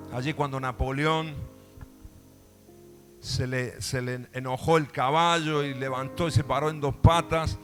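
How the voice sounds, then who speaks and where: A man's voice: medium pitch, fairly bright tone. A male pastor with a Rioplatense Spanish accent, preaching a sermon in a church, emphatic, with call-and-response asides and playful acted-out dialogue. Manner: acts out quoted dialogue, laughing often.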